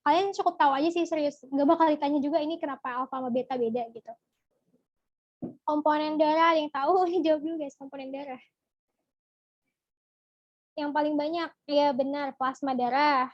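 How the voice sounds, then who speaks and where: A young woman runs a relaxed online biology class, tossing questions to her viewers and answering them as they come in. Her voice sits high and bright. The sound is dry and a little dull, like a simple home setup. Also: a little fast, long pauses, dry recording. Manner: chatty, asks the viewers questions and answers from chat. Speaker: biology tutor. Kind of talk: casual online biology lesson.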